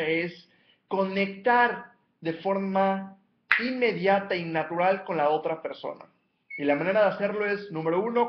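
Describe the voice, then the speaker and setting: A man's voice: sits high, roomy sound, lo-fi sound, a little hiss or hum. A man giving a motivational coaching talk, emphatically counting off numbered steps and repeating his key points. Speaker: life coach.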